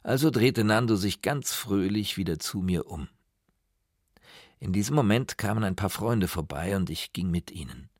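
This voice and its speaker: A man reading a story aloud in calm, even first-person narration, close to the mic. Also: fairly low pitch, normal speed, dry recording. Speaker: audiobook narrator.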